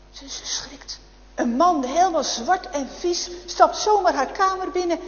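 A woman telling a story in a lively, expressive way, speaking directly to her listeners. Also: very high-pitched, unhurried. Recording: echoey hall, dull lo-fi.

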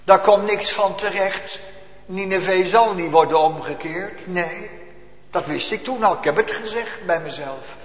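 A man preaching a sermon to his congregation, swinging from hushed asides to loud, emphatic declamation in old-fashioned churchly Dutch. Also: sits high, unhurried. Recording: echoey church hall, dull lo-fi.

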